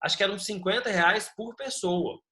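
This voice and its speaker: A man's voice: high voice, moderate pace. A man who teaches history, telling his students a funny class-trip story before going back to the lesson. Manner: lively anecdote with acted quotes and laughter.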